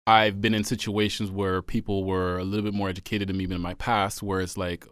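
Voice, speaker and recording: A man's voice: low voice, little pitch movement, brisk, fairly bright tone, clear, resonant tone, no room sound, clean studio sound. A man co-hosting a casual podcast discussion, telling stories with emphasis and checking in with "right?". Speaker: podcast co-host.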